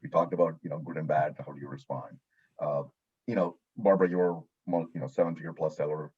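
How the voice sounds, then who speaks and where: A man's voice: rumbling low, steady tone, fairly quick, slightly rough, highs cut off. A man hosting a casual chat, talking loosely with lots of "you know" and "right". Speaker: host. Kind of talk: casual conversation.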